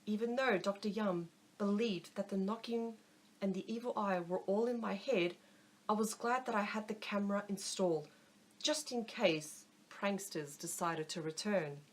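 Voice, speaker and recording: A woman narrates an audiobook in a steady, unhurried reading voice. Her voice is hoarse, and her pitch sits in a plain middle range.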